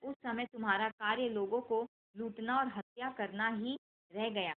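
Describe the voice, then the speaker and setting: A woman reading the part of a wise old male sage, calm and stern, in a steady, measured devotional scripture reading over a tinny phone-like line. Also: on the high side, natural voice. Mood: solemn.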